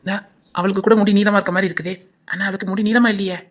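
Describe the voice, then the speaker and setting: A woman's voice: medium pitch, steady tone, quick pace. A woman with a Tirunelveli accent performing a comic sketch, chattering nosily and teasing like a gossiping bus passenger. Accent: Tirunelveli Tamil. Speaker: sketch comedian.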